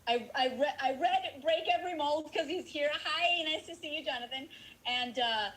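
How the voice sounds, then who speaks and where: A woman from Colombia, a voice actress chatting casually in an interview, playful and animated. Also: high voice, moderate pace, poor audio. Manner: playful, animated, quotes lines in character voices. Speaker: voice actress guest.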